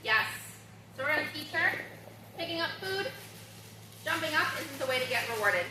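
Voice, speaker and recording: Woman dog trainer, high bright voice, upbeat and instructive, roomy distant sound with faint room hum. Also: expressive, normal speed. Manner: upbeat, instructive, bursts into high-pitched baby talk for the dog. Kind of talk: training demonstration. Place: room in a home.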